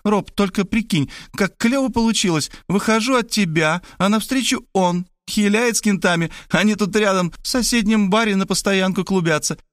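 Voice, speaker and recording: A man's voice: high voice, moderate pace, few pauses, a bit bright, dry recording, studio quality, voice pushed up. A man voicing a brash, pushy eighteen-year-old girl who chatters in slang and keeps insisting. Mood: excited chatter. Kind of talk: audiobook character voice.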